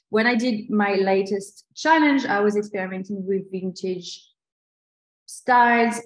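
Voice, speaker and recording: A mid-range-voiced woman from New Caledonia with a French accent teaches a live online lettering tutorial, chatting enthusiastically with many restarts. The audio comes through a video call and sounds echoey.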